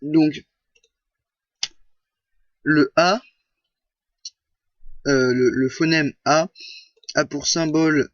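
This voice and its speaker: A man giving a screen-recorded software tutorial, hesitant, with many fillers and self-corrections. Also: fairly high pitch, fairly even intonation, drawn-out words, pauses often, dry recording, lo-fi sound.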